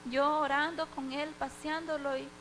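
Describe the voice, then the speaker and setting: Woman, church testimony, bright high voice, faint hum behind her. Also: flat delivery, moderate pace, low-quality recording. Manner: heartfelt storytelling, acting out the dialogue. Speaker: church member giving testimony.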